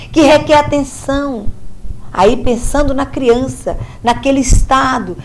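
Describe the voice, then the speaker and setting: A Brazilian woman lecturing at a Spiritist center with a fairly high voice, telling stories briskly and acting out the dialogue. Faint hall ambience sits behind her speech. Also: slight background noise. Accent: Brazilian Portuguese. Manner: lively storytelling, acting out dialogue. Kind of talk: religious lecture.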